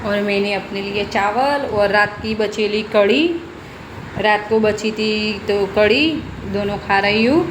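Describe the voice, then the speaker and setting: A woman's voice: mid-range voice, slow pace, background noise. A woman narrating her day at home in a chatty family vlog, coaxing her pet now and then. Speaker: family vlogger.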